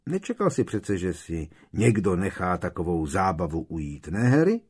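A man's voice: sits low, big pitch swings, darkish tone, breathy edge, heavily acted. Fred, a man doing a cheeky teasing lad. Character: cheeky teenage boy, joking twin.

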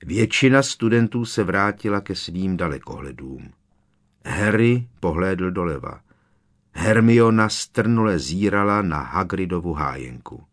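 A man reading a novel aloud as an audiobook narrator, measured and expressive. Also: sits low.

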